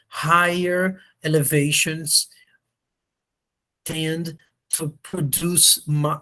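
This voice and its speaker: Somewhat bright and mid-pitched, this non-native English-speaking university lecturer is a little under the weather. On a video call, they explain haltingly and keep pausing to make sure listeners follow.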